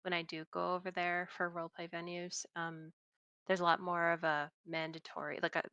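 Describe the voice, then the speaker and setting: A woman's voice: on the low side, flat delivery, fairly quick, bright, forceful tone, clean tone, no echo, lo-fi sound. A woman talking as a guest on a podcast about game venue greeting, hesitant and full of fillers. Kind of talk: casual podcast chat.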